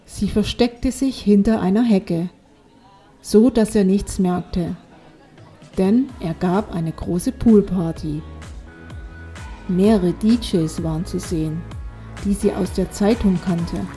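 A woman narrates a children's story in a calm reading voice. She takes her time with every line, and her tone stays mellow and dark. Soft music runs faintly underneath. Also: mid-range voice, slow, long pauses.

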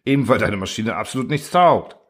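A man reading an audiobook voices an excitable male inventor who talks in a raised, agitated, pleading way. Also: medium pitch, fairly quick, breathy edge. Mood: reassuring.

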